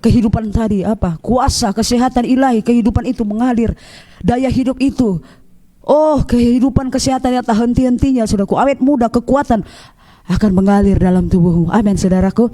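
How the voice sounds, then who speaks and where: A woman evangelist, preaching a sermon in a church service and telling her story with lively, animated delivery while often calling out to her listeners. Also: a little high, a little fast. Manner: animated storytelling, keeps addressing listeners as brothers and sisters.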